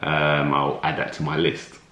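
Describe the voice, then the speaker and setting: A man in his thirties, a fitness coach, answering viewer questions in a relaxed, chatty way with lots of fillers and restarts, filmed at home by a camera in front of him. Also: rumbling low, a little slow. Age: 30s. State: slightly runny nose. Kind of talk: casual Q&A vlog. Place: room at home, indoors. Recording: echoey room.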